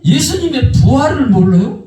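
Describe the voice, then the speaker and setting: A man's voice: very high-pitched, moderate pace. A male pastor telling a testimony in a sermon, acting out the people in his story. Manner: animated, acts out quoted voices. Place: church sanctuary. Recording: echoey church hall, mic far off.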